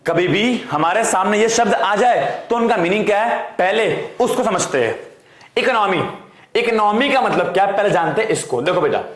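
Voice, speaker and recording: Brief: male teacher, fairly high voice, drills students with repetition, echoey room. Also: expressive, normal speed, a bit bright. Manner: repetitive call-and-response drilling, addresses students as "beta". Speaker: economics teacher. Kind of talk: online class lecture.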